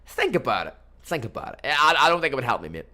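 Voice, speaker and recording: Casting: young male streamer, casual watchalong chatter, mid pitch, calls viewers boys and mate. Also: fast. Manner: chatty, addresses chat as boys and mate, bursts into excited match reactions. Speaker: livestream watchalong host. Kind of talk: casual live football watchalong chat. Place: home streaming room.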